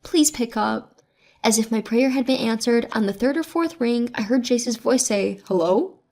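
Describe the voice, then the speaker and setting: Woman storyteller, fairly high voice, steady scripted reading. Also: moderate pace. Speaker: story narrator. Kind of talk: scripted first-person story narration.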